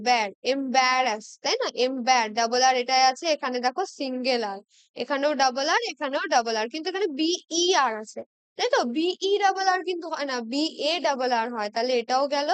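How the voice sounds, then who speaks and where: A woman with a Bengali accent teaching an exam-prep English lesson, patiently checking in with her students and reading example sentences out slowly. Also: high voice, dry recording. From West Bengal, India. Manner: patient, checks in with "ঠিক আছে?" constantly.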